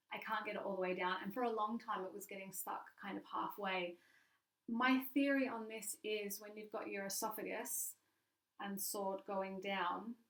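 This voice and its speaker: A woman speaks as a sword swallower doing an informal show-and-tell. Her medium-pitched voice is frank and explanatory, leaning on key words. She sounds set back from the microphone in an echoey room. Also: fairly bright tone. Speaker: sword swallower, stage performer. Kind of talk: casual show-and-tell to camera. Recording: echoey room, distant mic.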